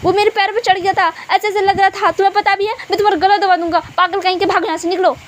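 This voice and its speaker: A touchy, dramatic young merman, read by a woman in a high voice whines about his aches and scolds whoever is near. He is a fan-fiction storybook character read aloud. The tone stays quick and cross. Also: steady tone, slight background noise. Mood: angry scolding.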